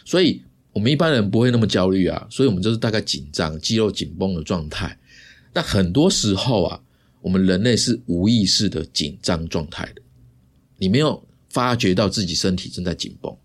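Low-voiced guy, casually explaining stuff on his podcast, lively asides. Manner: chatty, drawn-out sentence endings, lively asides. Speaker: podcast host.

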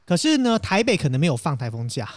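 A young man with a Taiwanese Mandarin accent tells a dramatic story at a rapid clip. His pitch swings widely and sits a bit high. The recording is dry and close. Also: no echo. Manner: animated, self-dramatizing, laughs while telling. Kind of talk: casual storytelling chat.

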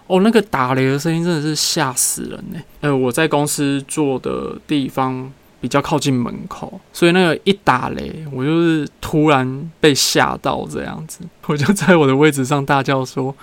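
A young man hosts a casual solo podcast, speaking at a moderate pace with a fairly high pitch and few pauses. He's a chatty storyteller, recounting everyday episodes and acting out what people said.

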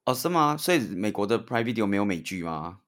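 A male podcast co-host with a Taiwanese Mandarin accent and a somewhat low voice. He chats informally and banters back and forth in an everyday conversational style. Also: big pitch swings, a little fast, a bit bright. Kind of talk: casual bantering podcast chat.

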